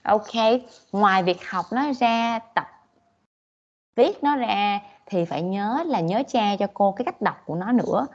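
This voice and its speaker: A woman's voice: mid-range voice, lively intonation, a little slow, highs cut off. Southern Vietnamese woman teaching English. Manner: switches between English and Vietnamese, frequent "okay"s. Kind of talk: online class teaching.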